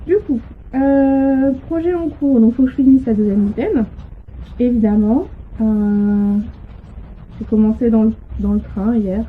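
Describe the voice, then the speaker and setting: A woman with a fairly high voice talks through her crafting projects in a hesitant, casual show-and-tell, pausing on fillers and restarting her sentences. The recording is tinny and phone-like, made at home on a sofa, with faint hiss behind her. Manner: hesitant, full of "euh" and restarts. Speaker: knitting and crochet podcaster. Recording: tinny low-quality home audio.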